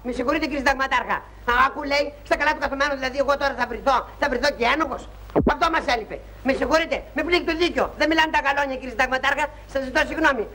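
An actor playing a naive young soldier in a 1960s film comedy, rambling and apologizing, with pompous turns of phrase. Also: male voice, very high voice, bright, forceful tone. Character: naive, talkative young soldier, pleading and indignant. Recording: noisy old film soundtrack.

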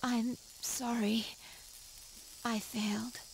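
A woman voicing a solemn, remorseful android girl in a video game, speaking softly and haltingly. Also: a little high, level tone, creaky, a little hiss or hum, full character voice, poor audio. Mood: sorrowful. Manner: slow, soft, halting.

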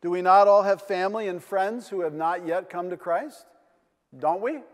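A man's voice: sits high, normal speed. An older man with a New England accent preaching a sermon from a pulpit in a large wood-paneled church, earnest, with rhetorical questions and frequent fillers. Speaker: pastor. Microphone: pulpit mic. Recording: long church reverb.

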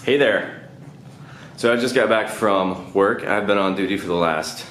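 A man in his thirties with a low voice chats casually to his camera. He is low-key and plain-spoken, in an echoey room at home. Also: unhurried, a bit bright. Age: 30s. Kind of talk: casual vlog chat. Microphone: camera at arm's length. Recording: echoey room, faint noise.

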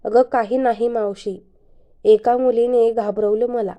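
Brief: woman reading an easygoing, teasing young man in a storybook, slow, mellow delivery. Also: on the high side, fairly even intonation, close to an everyday voice. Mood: calm teasing. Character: young man, calm and teasing, strict vegetarian.

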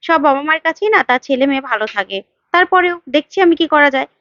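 A woman's voice: high voice, lively intonation, fast talker, a bit bright, dry recording, lo-fi sound. A woman voicing a blunt police constable who asks suspicious questions. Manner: blunt, insinuating.

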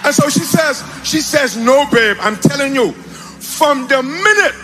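A man raised in the Bahamas giving a spoken testimony on a large auditorium stage into a handheld mic, animated and breaking into shouts when excited. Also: very high-pitched, a little slow, soft background music. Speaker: testimony speaker at a church event. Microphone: handheld mic held by another man.

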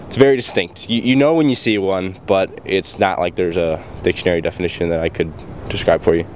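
A man's voice: sits low, fairly even intonation, brisk. A young man answering a street interview outdoors at night, rambling and offhand with frequent restarts. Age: young adult. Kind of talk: casual vox pop answers. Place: outdoors at night by a brick wall. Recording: street noise behind.

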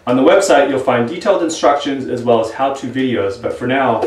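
A man's voice: medium pitch, fairly quick. A man in his thirties giving an instructional product demo, recorded indoors in a small room. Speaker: product demonstrator. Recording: roomy, distant microphone, faint music.

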